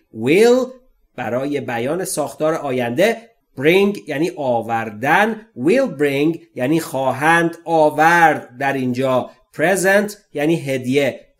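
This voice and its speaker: Male English tutor, fairly high voice with a lot of melody, reads slowly, explains fast. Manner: asks the listener questions and answers them himself. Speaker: English teacher. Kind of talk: language lesson, reading and explaining sentences.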